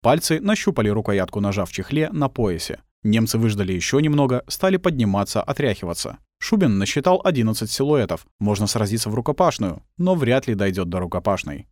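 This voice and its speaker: A man's voice: fairly low pitch, sing-song, a little fast, few pauses, darkish tone, dry recording, studio quality. A man reading a war novel aloud as scripted audiobook narration.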